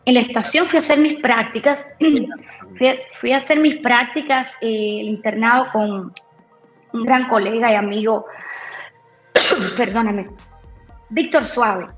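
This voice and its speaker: A woman with a slightly high voice tells her story as an interview guest, bold and lively, slipping into the voices of people she quotes. The recording is roomy and a little dull and lo-fi, with faint music underneath. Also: unhurried, long pauses. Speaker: radio announcer, interview guest.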